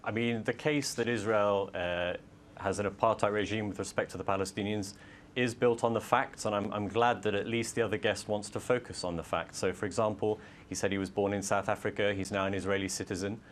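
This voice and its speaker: A male author arguing his case as a debate guest, measured, with frequent hesitations. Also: on the low side, fairly even intonation, slight background noise. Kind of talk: studio debate.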